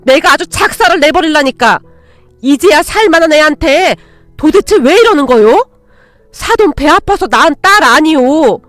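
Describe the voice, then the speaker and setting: A woman's voice: high voice, expressive, moderate pace, fairly bright tone, dry recording, faint music behind. A woman voicing a stern but caring older mother-in-law in a narrated radio-style story, firm when scolding and soothing when she comforts. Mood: furious.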